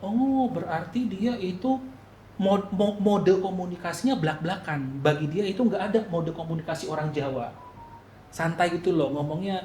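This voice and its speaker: A man preaching a sermon to the congregation, talking to them directly and acting out his inner thoughts in a quiet murmur. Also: on the high side, normal speed, a little hiss or hum. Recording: echoey hall with faint ambience.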